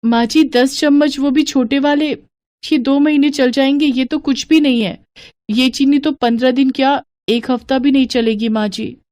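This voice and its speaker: A woman's voice: high voice, steady tone, normal speed, a little mellow, dry recording, voice pushed up, close to an everyday voice. A young daughter-in-law complains with mild exasperation in a raised, lighter voice, played by a woman. She is a cartoon character, and the recording is close and dry. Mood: grumbling.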